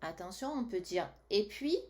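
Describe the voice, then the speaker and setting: A woman teacher giving a slow dictation lesson to young children, reading the sentence word by word and adding spelling reminders. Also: mid-range voice, animated, a little mellow.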